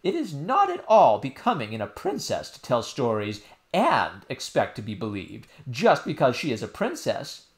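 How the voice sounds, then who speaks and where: A man voicing a fussy, easily offended woman nurse, loud and drawn out, in a storybook reading. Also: mid-range voice, wildly swooping pitch, moderate pace. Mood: vexed. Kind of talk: audiobook character voice.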